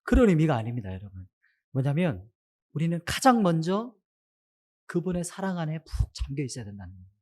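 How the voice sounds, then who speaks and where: A man's voice: a little high, brisk. A man preaching a sermon to his congregation, asking them many questions. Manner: asks the congregation many questions, animated rise and fall.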